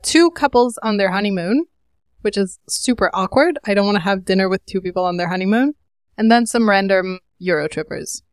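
A woman's voice: medium pitch, fairly quick, clean tone, dry recording, studio quality. A woman, a podcast correspondent, telling a wry story in a chatty way.

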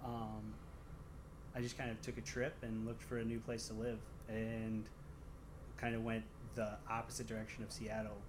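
Michigan-accented man chatting amid clear noise. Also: fairly low pitch, completely flat delivery, moderate pace. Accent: Michigan, Great Lakes American. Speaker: stand-up comedian guest. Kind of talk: casual chat. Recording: noisy background ambience.

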